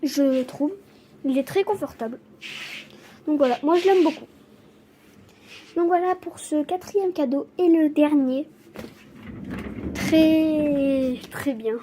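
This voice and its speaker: A woman who stutters, chatting casually to camera as she shows off her gifts, halting and apologetic. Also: high voice, mellow, a little hiss or hum. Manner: stutters, restarts words often. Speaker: vlogger showing her gifts. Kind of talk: casual unboxing chat to camera.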